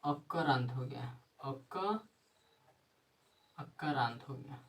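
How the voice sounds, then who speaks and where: Teacher, off-mic. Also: male voice, medium pitch, a bit bright, far from the mic, rough recording. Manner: repetitive, asks and answers his own questions; dictates slowly word by word. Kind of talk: grammar lesson at a board.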